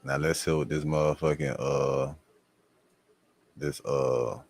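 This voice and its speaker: A man's voice: a bass voice, fairly even intonation, slow. A man hosting a casual streamed chat, joking in loose, profane banter. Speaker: host.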